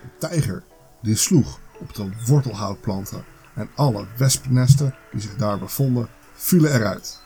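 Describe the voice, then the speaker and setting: A man's voice: medium pitch, normal speed, dark tone, faint music behind. A man hosting a podcast, reading a fairy tale aloud in a casual way with the odd stumble. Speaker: podcast host.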